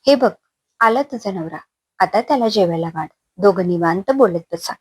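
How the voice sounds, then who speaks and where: A woman voicing an older aunt who fusses and gently scolds, in a husky, raised voice. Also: medium pitch, expressive, moderate pace. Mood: fussing. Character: older aunt, fussing and caring.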